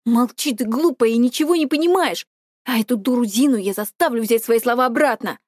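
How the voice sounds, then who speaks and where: A woman's voice: a little high, fairly quick, darkish tone, no room sound, clean studio sound, natural voice. A woman voicing a spiteful, controlling teenage older brother who talks in a sneering, scornful way.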